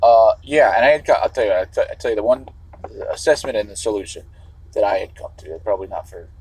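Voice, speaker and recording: A man from the Chicago area delivers a rambling livestream monologue while driving, meandering, swearing freely and constantly restarting sentences. His voice is lowish, quick, a little mellow and husky, on a rough recording.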